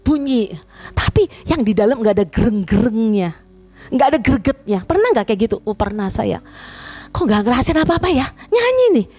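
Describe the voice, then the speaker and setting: A woman pastor preaching an animated sermon, often turning to the congregation as she speaks. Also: fairly high pitch, moderate pace. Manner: animated, addresses congregation as "saudara", emotional retelling of prayer. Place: church.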